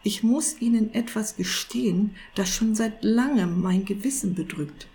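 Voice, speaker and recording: A woman voicing a small, eager male cat who flatters and coaxes his master, in a storybook reading. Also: medium pitch, unhurried, natural voice. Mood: earnest. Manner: eager, wheedling, polite.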